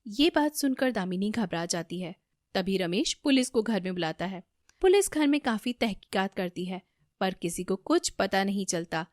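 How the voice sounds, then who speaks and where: A woman narrating a family moral story for a cartoon in a steady, even manner. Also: mid-range voice, normal speed, dry recording, studio quality.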